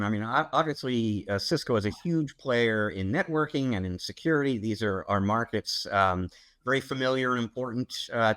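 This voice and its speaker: A podcast co-host introduces guests in a casual, upbeat manner, with plenty of ums and uhs. His voice is medium-pitched and fairly bright, with no echo.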